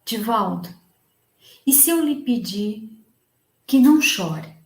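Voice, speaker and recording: A kind male spirit speaks tenderly and slowly, as a woman lecturer voices him. His tone is gentle and loving. The room echo is clearly audible. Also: fairly high pitch, expressive.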